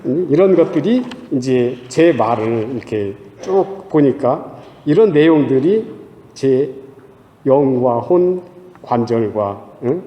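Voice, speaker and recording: A man's voice: mid-range voice, expressive, slow pace, lo-fi sound. A man in his sixties, a religious brother, giving a Lenten talk in a conversational way. He keeps asking "eh?", chuckles, and acts out his own inner talk. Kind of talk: conversational church lecture. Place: church hall. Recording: echoey church hall with long reverb.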